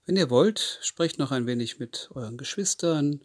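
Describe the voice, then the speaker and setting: A man's voice: mid-range voice, lively intonation, normal speed, no room sound, studio quality. A man telling a Bible story to children, often stopping to ask them questions. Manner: asks the listening children questions.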